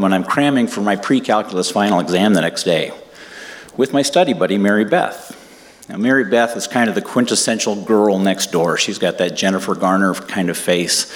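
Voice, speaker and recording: A man in his fifties telling a comic personal story on stage to a live audience, animated and self-deprecating. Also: fairly low pitch. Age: 50s.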